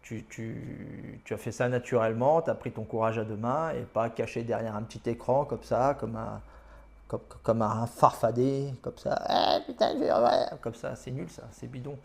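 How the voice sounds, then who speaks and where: Gravelly-voiced man telling brash dating stories. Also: mid-range voice, fairly even intonation, moderate pace, a little mellow. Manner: boastful, slangy and emphatic. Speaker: dating advice host. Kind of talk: casual storytelling monologue.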